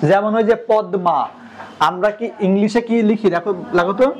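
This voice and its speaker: Young Bangladeshi male teacher, high voice, quizzing the class. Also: fairly even intonation, fairly quick, crowd noise. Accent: Bangladeshi Bengali. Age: young adult. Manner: asks the class questions, repeats answers. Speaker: coaching center teacher. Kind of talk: classroom lecture.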